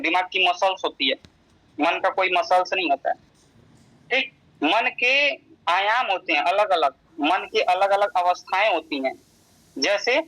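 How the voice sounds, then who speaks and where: A man with a high, bright voice teaches a spiritual lesson, repeating his key points and checking that the listeners follow. The sound is thin and narrow, like a phone line.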